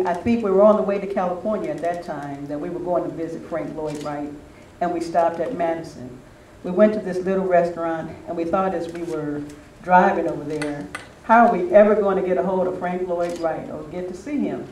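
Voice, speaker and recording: He talks fast with hardly any pauses, his high voice a little mellow, recalling stories in a relaxed way for the group at a spiritual retreat. It's an older man, captured from a distance in a roomy space with faint background noise.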